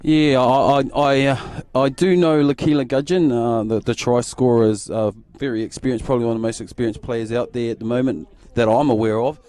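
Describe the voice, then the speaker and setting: A man's voice: mid-range voice, steady tone, a little fast, hardly any pauses, mellow, smooth. Hesitant, matey Kiwi man co-commentating outdoors. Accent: New Zealand. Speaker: rugby co-commentator. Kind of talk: casual live sports analysis. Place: outdoors at a sports ground.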